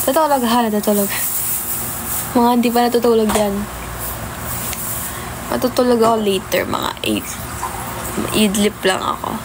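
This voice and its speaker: A woman's voice: fairly high pitch, lively intonation, measured pace, pauses often, noisy background. A young woman chatting casually on a phone livestream, greeting viewers by name and mixing in English. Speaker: idol livestreamer. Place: home, early morning.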